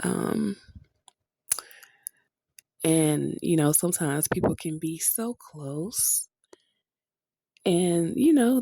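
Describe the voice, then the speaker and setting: A woman hosting a motivational podcast, sounding stuffy from a cold, speaking slowly and earnestly to encourage her listeners. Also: lowish voice, creaky, dark tone, dry recording. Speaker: podcast host.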